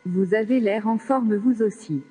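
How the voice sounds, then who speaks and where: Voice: mid-range voice, unhurried, background noise. A text-to-speech voice playing a friendly, helpful companion robot, giving polite, chirpy scripted replies during a live stage demo. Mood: cheerful. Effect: synthetic text-to-speech robot voice from a small speaker. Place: event stage in a large hall. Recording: long hall reverb, airy tone.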